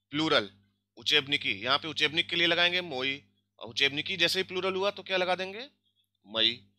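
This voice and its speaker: A man teaching an online grammar lesson, drilling word forms aloud and asking questions that he answers himself. His voice is fairly high and very bright. It is recorded dry and close. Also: no echo. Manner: mixes Hindi and English. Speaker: language teacher.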